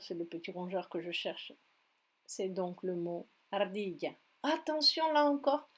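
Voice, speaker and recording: A woman with a Spanish accent, a teacher walking students step by step through an online dictionary in a screen-recorded tutorial. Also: on the high side. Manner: step-by-step, patient explaining.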